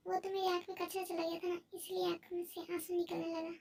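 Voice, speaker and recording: A woman voicing a timid, tearful young college woman who speaks in a soft, pleading way. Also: very high-pitched, flat delivery, a little fast, gravelly, far from the mic.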